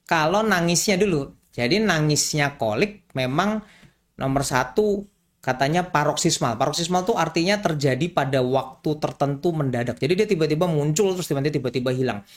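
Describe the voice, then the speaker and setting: Chatty animated male doctor explaining. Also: a little high. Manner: chatty and animated, repeats key words, mimics baby cries. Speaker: doctor explaining infant health. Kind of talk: casual spoken explainer.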